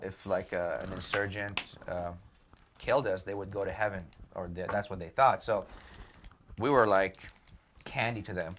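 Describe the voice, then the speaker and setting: A man's voice: low-pitched, fairly even intonation, normal speed. A man from Iraq, a guest telling his story in a candid, matter-of-fact way with joking asides. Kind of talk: casual interview storytelling. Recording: faint background noise.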